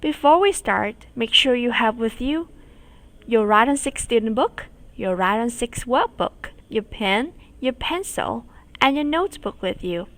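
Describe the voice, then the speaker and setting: A woman's voice: a little high, animated, takes it slowly, a bit bright. A woman teaching an English lesson for children in a recorded video. She says each word twice and drills its sounds for pupils to repeat. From Vietnam.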